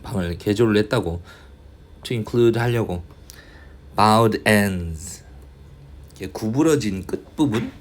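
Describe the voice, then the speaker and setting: A male English tutor going through a reading passage, reading the English slowly and explaining in quick asides, often muttering and grumbling to himself. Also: lowish voice, expressive. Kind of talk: casual reading-passage lecture.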